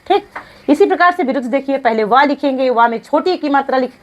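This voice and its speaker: A woman's voice: sits high, fast, far from the mic, dull audio. A woman teaching a Hindi grammar lesson, asking her own questions, answering them, and repeating the key terms. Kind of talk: classroom lesson.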